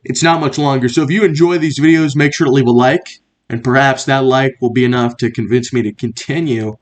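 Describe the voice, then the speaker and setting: A young man hosting a comedy video, delivering mock-serious commentary that builds into stammering, exasperated rants. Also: medium pitch.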